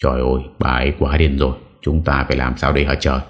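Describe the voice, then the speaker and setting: A man's voice: very deep voice, level tone, quick pace. A man voicing a weary, troubled middle-aged husband who speaks in a dejected way.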